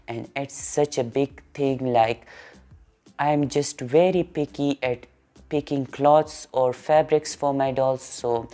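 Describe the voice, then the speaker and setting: Young Pakistani-accented woman, very low mellow voice, earnest casual vlog Q&A. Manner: earnest, simple phrasing with repeated intensifiers. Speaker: doll artist answering viewer questions.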